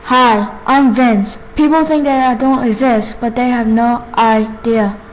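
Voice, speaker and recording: A cocky young male mongoose who brags in easy slang, voiced by a woman. The voice sits a little high, with a faint hiss of noise behind it. It sounds like an amateur storybook recording. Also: measured pace, close to an everyday voice, low-quality recording. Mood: boastful. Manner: relaxed, boastful slangy delivery. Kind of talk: amateur storybook role reading.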